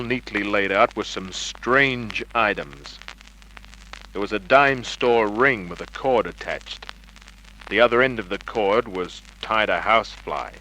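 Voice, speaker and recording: For an old radio detective drama, a male actor plays a wry private investigator who narrates his case in clipped, matter-of-fact Australian tones. The voice is on the low side, bright and forceful, and the vintage recording is noisy.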